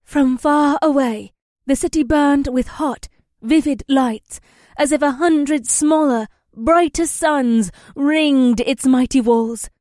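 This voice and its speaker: A man doing a high, dainty young woman fighter. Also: slow, dry recording, clean studio sound. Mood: wistful. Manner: soft, hesitant storytelling.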